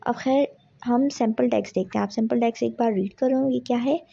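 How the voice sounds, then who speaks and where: Husky woman tutoring for exams. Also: fairly high pitch, brisk, warm tone. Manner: explains step by step, mixing in English terms. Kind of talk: exam revision lecture. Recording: dull lo-fi audio.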